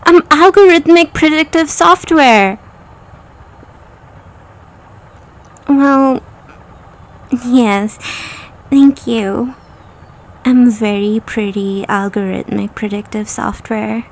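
A prim, flustered autocorrect program, high and unhurried in its delivery, as a woman plays it. Its talk swings between coy and pleading, always melodramatic, as in a comic parody sketch. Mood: coy protest. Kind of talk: comedic parody monologue.

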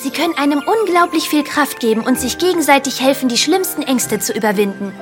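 A sincere young student pony from a cartoon, speaks precisely in a high, melodic voice over clear music. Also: female voice, expressive, brisk. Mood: sincere, formal. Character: earnest, studious young female pony. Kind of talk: children's cartoon audio play. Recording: music underneath.

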